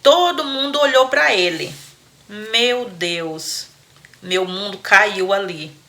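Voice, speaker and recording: A woman hosting a storytelling show, retelling a listener's story with animated, chatty asides and frequent laughter. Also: medium pitch, slow pace. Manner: animated, laughs often, talks to listeners as friends. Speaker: storyteller host.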